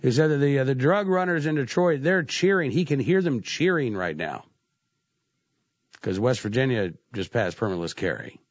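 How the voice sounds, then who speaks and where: A radio talk show host with a mid-range voice speaks expressively at normal speed, congested from a cold and slightly nasal, dropping lots of "uh" fillers as he chats. Recorded on a studio microphone in a radio studio, the sound is dry, a little muffled, with no room sound.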